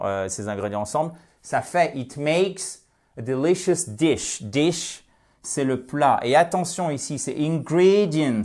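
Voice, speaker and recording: A man teaching a language lesson in a lively, explanatory way, slowing down to stress his example sentences and checking in often with the viewer. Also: medium pitch. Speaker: English teacher.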